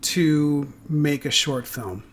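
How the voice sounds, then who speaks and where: A man's voice: on the high side, slow pace, a little hiss or hum. A man in his forties talking candidly and loosely as a podcast guest, with frequent restarts and the odd swear word. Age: 40s. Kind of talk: casual podcast conversation.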